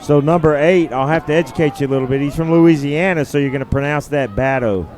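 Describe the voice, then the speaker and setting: A man giving color commentary on a college football game in a relaxed, explanatory, folksy way. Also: fairly high pitch, fast talker. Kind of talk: live football analysis.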